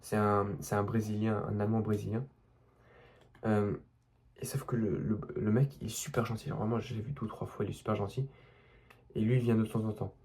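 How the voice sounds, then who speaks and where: A man's voice: fairly low pitch, flat delivery, a little fast, long pauses, darkish tone, slight background noise. Young French man telling a rambling story. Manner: rambling, many restarts and fillers, addresses listener directly. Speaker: vlogger. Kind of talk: unscripted personal storytelling.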